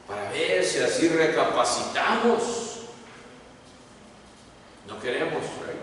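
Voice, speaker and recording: A man's voice: medium pitch, a little hiss or hum. A man preaching a Bible study sermon in a church, often dropping in English glosses and asking his listeners "¿verdad?". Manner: switches into English glosses, animated, asks the flock "¿verdad?". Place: church hall. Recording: echoey church hall, mic distant.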